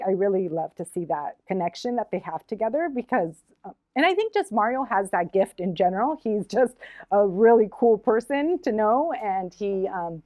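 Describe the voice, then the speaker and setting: In a documentary interview, a middle-aged arts organizer who runs a community art shop and gallery speaks sincerely from the heart, pausing and hesitating frequently. Her voice is mid-range, and the audio is narrow and tinny with no room sound.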